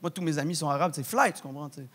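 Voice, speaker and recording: A young man with a Québécois French accent performing a stand-up comedy set, talking in a slangy, animated way peppered with swears. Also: a little high, racing, breathy edge. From Quebec. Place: large theatre stage with live audience.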